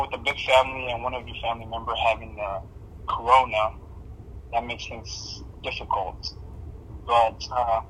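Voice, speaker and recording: A man's voice: medium pitch, fairly bright tone, a little hiss or hum, low-quality recording. A young man from Somalia answering interview questions in a casual, hesitant way, with many fillers and restarts. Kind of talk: casual oral history interview.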